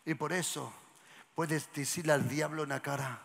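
A pastor preaching to his congregation, moving hushed whispers to shouts and asking the crowd questions. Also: a little high, fairly even intonation, normal speed, gravelly, a little hiss or hum. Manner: asks the congregation questions and has them repeat lines. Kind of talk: lively sermon to a congregation. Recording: church hall with long reverb.

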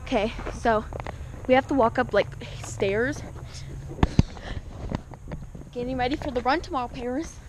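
A woman's voice: on the high side, brisk. A teenage girl vlogging casually as she walks through town, talking with lots of "like" fillers. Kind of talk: casual walking vlog. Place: outdoors on town streets. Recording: loud outdoor street noise.

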